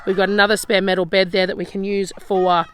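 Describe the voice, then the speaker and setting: Gravelly-voiced Australian woman, outdoors among noisy poultry. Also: medium pitch, flat delivery, quick pace. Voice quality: gravelly, slightly raspy. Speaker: vlogger showing her homestead. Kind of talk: casual walk-and-talk chat. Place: outdoors by chicken pens on a rural property. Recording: outdoor farm noise, loud poultry. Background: roosters crowing, hens clucking, guinea fowl.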